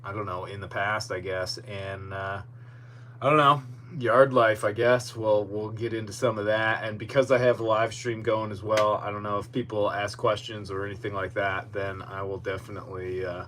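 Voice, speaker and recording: Low-voiced man podcasting outdoors over noise. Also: fairly even intonation, moderate pace, a bit bright. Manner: rambling, self-deprecating. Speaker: podcast host. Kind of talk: casual live-streamed solo podcast chat. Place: outdoors in a boatyard. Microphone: podcast microphone. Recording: noticeable background noise with hum.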